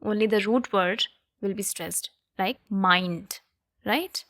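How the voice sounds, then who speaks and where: A woman's voice: mid-range voice, takes it slowly, a bit bright, no room sound, clean studio sound. A woman teaching a lesson and checking in with listeners with frequent "okay?" and "right?". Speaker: literature teacher. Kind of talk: explanatory lesson.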